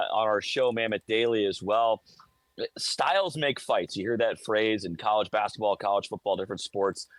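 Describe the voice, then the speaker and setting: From a broadcast booth high up inside a hockey arena, a man with a fairly low voice gives a live game-day report, explaining things in a relaxed, conversational style. The recording is dry.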